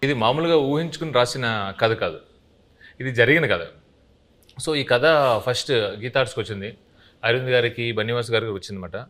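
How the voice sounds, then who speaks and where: A man, a film director, recounting how a film came about in a promo interview, brisk with joking asides. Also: mid-range voice, fairly bright tone.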